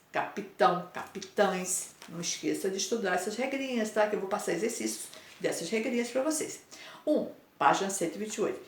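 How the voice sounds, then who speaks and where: A woman teaching Portuguese grammar to pupils in a Brazilian accent, patiently spelling out word endings and checking in with "né?" and "tá?". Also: mid-range voice. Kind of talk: explaining homework to pupils. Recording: echoey room.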